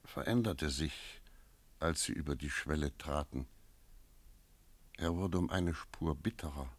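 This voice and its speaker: In this radio play, a deep-voiced actor portrays a brooding village innkeeper, and the mood is ominous. He narrates his memories solemnly, in a measured and lyrical style.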